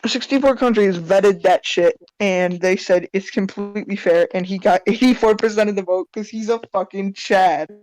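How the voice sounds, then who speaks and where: A woman co-hosting a casual podcast chat, animated and blunt, swearing freely. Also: medium pitch, normal speed, hardly any pauses, rough recording. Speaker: podcast co-host.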